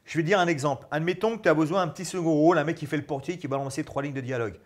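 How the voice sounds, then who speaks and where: With rapid-fire delivery and a slightly high voice, a man in his forties, once a fighter and now an actor and stuntman, chats casually as a guest. He gestures constantly while talking, wearing a lapel mic in a compact studio lounge.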